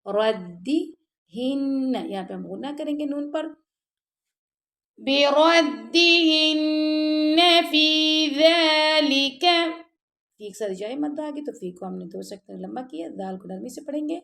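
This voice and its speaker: A woman with a high voice gives a tajweed lesson. She explains each sound patiently, keeps checking that the listener follows, and moves into slow, drawn-out chanting for the recited words. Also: expressive, gravelly, warm tone. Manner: patient, explains step by step, often checks with "ٹھیک ہے؟". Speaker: Quran recitation teacher.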